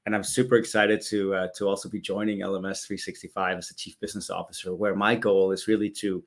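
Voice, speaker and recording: Low-voiced danish-born guy in his 40s, eager storyteller guesting on a podcast. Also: flat delivery, quick pace. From Denmark. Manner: enthusiastic storytelling. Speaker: interview guest, business executive. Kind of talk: conversational interview answers.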